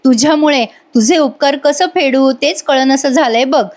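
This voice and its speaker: A woman voicing a humble, grateful older rustic man who speaks slowly. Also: high voice, darkish tone.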